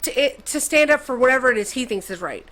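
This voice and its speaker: A woman's voice: high voice, lively intonation, quick pace, fairly bright tone, rough recording. A woman hosting a commentary show, giving a sarcastic, mocking rant and tagging her sentences with "okay?". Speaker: commentary channel host.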